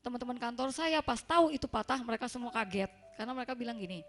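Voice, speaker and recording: A young woman with a slightly high voice tells a church congregation her own story in a chatty, animated way, playing out each back-and-forth she quotes. Soft music sits faintly behind her. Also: very fast. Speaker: church member giving a testimony. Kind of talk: personal testimony to a congregation.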